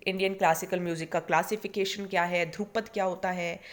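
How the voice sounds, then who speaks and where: A woman's voice: fairly low pitch, steady tone, fairly quick. An Indian woman teaching an online exam coaching lecture, explaining step by step and often checking in with her students. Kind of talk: online lecture in Hindi-English mix.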